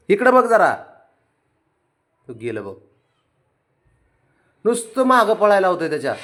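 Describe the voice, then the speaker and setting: A man's voice: on the high side, a little mellow. A man talking to his pet cat, coaxing and teasing it in a casual, scolding baby-talk way.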